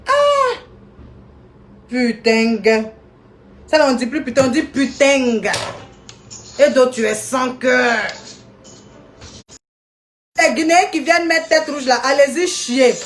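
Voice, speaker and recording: A woman's voice: sits high, unhurried, long pauses, slight background noise. A woman ranting indignantly on a live video stream, scolding people and greeting viewers by name.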